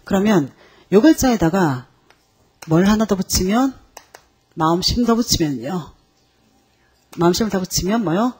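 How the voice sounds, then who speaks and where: A woman with a medium-pitched, slightly breathy voice teaches an exam-prep lecture on Chinese characters at a moderate pace, pausing often. She keeps things lively, quizzing her students and checking in with them constantly.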